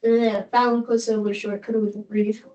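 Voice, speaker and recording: A woman student gives short, recited answers in a phonics lesson, her voice flat and a bit high. The sound is dull and comes from away from the mic. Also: brisk, distant mic. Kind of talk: reading aloud in a lesson.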